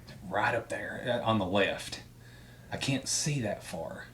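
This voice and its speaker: A man's voice: on the low side, animated, a little slow, fairly bright tone, slight background noise. A middle-aged man, co-hosting a casual podcast chat, rambling and chuckling often. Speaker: podcast co-host and author.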